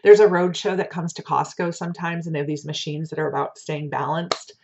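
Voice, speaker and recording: A woman giving a casual spiritual card reading like a fortune teller, talking in a conversational, gently reassuring way. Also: low voice, fairly even intonation, a little fast, background noise. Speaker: oracle card reader. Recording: dull lo-fi sound.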